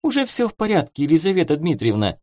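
Audiobook figure: a man playing a young baroness, pitched high and girlish, lively, reproachful, dry close sound. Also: quick pace, no room sound. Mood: prim, curious. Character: young flustered noble girl, curious baroness.

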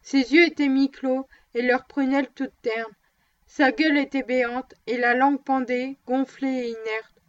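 A woman reading a novel aloud in a steady, even narration. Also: sits high, a little slow, dry recording, lo-fi sound. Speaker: audiobook reader.

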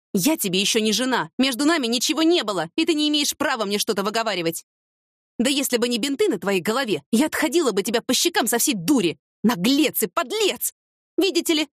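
A woman's voice: a little high, dry recording, studio quality, voice pushed up, natural voice. A woman reading an audiobook, voicing a fiery, impulsive young woman with heated, emphatic retorts.

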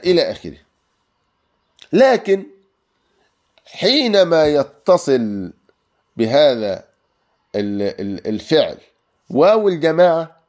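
A man's voice: mid-range voice, a little mellow. A man teaching a grammar lesson, explaining rules patiently and repeating examples with hesitant fillers.

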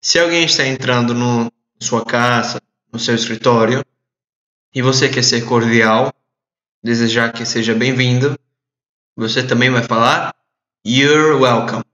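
Slow, bright-voiced man drilling phrases. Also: medium pitch, fairly even intonation. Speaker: English teacher. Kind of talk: audio language lesson. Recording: echoey, dull lo-fi audio.

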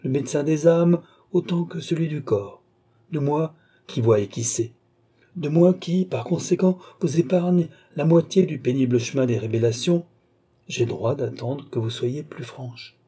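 A man reading the part of a stern, solemn doctor in an audiobook, with a very dark, husky voice. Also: fairly high pitch, measured pace, voice pushed up. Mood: insistent. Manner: solemn, insistent. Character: grave, stern older male doctor.

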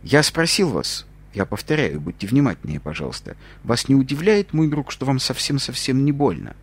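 A man voicing a cruel, mocking interrogating captain in an audiobook, with slow, drawn-out threats. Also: mid-range voice, big pitch swings, slightly rough, voice pushed up. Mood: falsely friendly.

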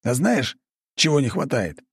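A man's voice: mid-range voice, big pitch swings, a little slow, creaky, husky, dry recording, pitched above the performer's own voice, heavily acted. A man voicing a blunt, chain-smoking count who swears and talks sardonically, reading an audiobook. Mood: sardonic.

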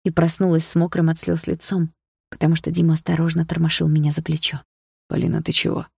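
A woman narrating an audiobook in an even, measured storytelling voice. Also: low voice, gravelly, husky, no room sound, clean studio sound. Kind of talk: scripted narration.

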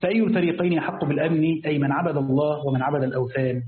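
A man's voice: on the high side, fairly even intonation, racing. A man with an Egyptian accent, a sheikh reading a classical Quran commentary aloud and explaining it in casual asides. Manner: switches between formal reading and casual asides, thinking aloud. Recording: echoey, phone-like, faint hiss.

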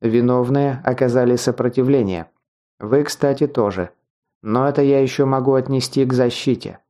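A man's voice: mid-range voice, normal speed, natural voice. A man reading as a cold mechanical chief guard. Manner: calm, mechanical, officious. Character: cold male chief guard, law enforcer.

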